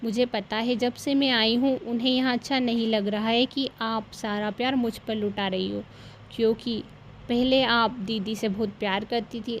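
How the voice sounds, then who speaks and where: A woman's voice: on the high side, slight background noise, natural voice. A woman voicing a polite, sensible young bride who speaks respectfully in a cartoon story.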